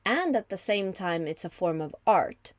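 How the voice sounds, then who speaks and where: A woman who works as a voice-over artist and coach, talking in a warm, reflective way in casual conversation. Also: fairly low pitch, expressive, normal speed, dry recording. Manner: warm, reflective, laughs easily.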